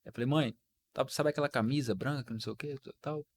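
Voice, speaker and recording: A man's voice: mid-range voice, quick pace. A man from Brazil, a podcast co-host, thinking aloud as he recalls a recent everyday moment. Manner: hesitant, searching for words. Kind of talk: casual podcast chat.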